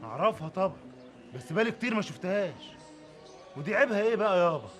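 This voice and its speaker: A man's voice: sits high, very animated, very fast, fairly bright tone, faint music behind. A man acting a grown Egyptian son arguing with his father in a TV drama, agitated and pleading. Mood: probing.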